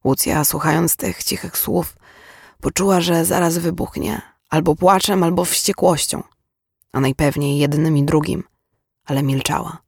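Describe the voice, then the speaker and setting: A man narrating a novel as an audiobook, with a steady, even storytelling manner. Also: a little high, a little slow, vocal fry, dry recording, studio quality. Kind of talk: scripted narration.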